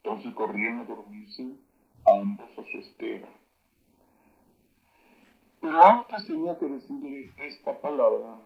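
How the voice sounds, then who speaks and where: Lively older-sounding man teaching pronunciations. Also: medium pitch, gravelly, dull audio. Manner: pronounces words slowly and loudly, then explains. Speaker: teacher of an old local language. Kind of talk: spoken vocabulary lesson.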